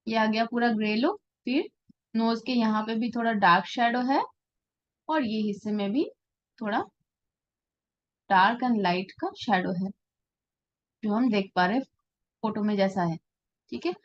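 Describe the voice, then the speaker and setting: A woman's voice: on the high side, measured pace, pauses often, muffled recording. A woman teaching a live portrait-drawing class, explaining patiently and often checking that her students follow. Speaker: art teacher.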